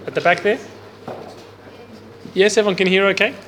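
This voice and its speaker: A man with a loud voice leading a Bible class without a microphone, talking casually and often putting questions to the group. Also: high-pitched, fairly even intonation, normal speed. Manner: loud voice, speaks without a mic. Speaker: Bible study teacher. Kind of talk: interactive Bible class teaching. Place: large room with a group, no microphone. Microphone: no mic on the speaker, recorder in the room. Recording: long hall reverb, faint background hiss.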